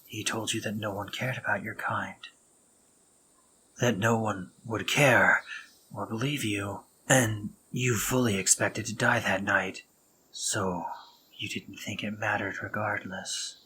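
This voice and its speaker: A young man plays a protective, remorseful spider monster in an audio roleplay, his fairly low, steady voice breaking into stammers and soft whispers as he talks haltingly. It's a low-quality recording with a bit of hiss or hum.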